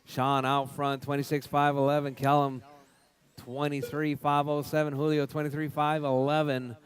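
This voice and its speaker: A man's voice: on the high side, level tone, normal speed. A man giving live race commentary like a spotter, in repetitive clipped calls of running order and cautions. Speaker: race announcer.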